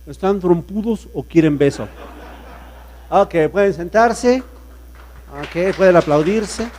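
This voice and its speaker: A man's voice: slow, darkish tone, a little hiss or hum. A man giving a playful public speaking workshop, joking and swinging his voice around to demonstrate. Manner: playful, jokey, swings pitch and volume to demonstrate. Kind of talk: lively workshop lecture with voice demonstrations. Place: workshop room with an audience.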